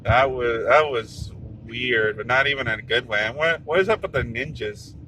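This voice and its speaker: A man's voice: medium pitch, moderate pace, pushed and bright, slight background noise, low-quality recording. A man hosting a casual wrestling chat while driving, easygoing with trailing restarts. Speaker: host. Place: inside a moving car.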